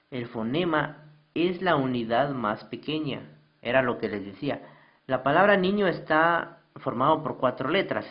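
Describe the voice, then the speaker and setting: A male teacher talks through a slideshow at an unhurried, deliberate pace, his voice in a mid range. He goes over each definition more than once and keeps checking in with the class. The recording sounds dull and lo-fi. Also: mid-range voice. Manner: patient, repeats definitions and asks the class questions.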